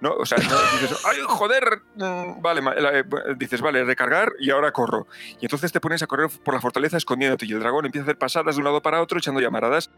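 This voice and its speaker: A man tells a game story in a casual podcast. His voice is bright and forceful, and he keeps acting out little asides. Faint music runs underneath. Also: mid-range voice, very fast. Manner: animated storytelling with acted asides. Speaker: podcast host. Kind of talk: casual chat.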